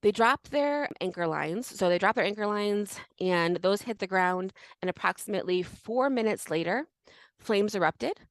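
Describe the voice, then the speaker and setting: A woman's voice: mid-range voice, lively intonation, normal speed, no echo. A woman co-hosting a podcast in casual chat, telling the story in a chatty way full of fillers. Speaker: podcast co-host.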